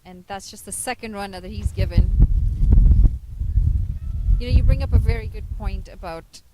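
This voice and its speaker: A woman's voice: medium pitch, normal speed. A woman giving live cricket commentary, mixing score updates with analytical talk about coaching. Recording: commentary feed with loud background noise.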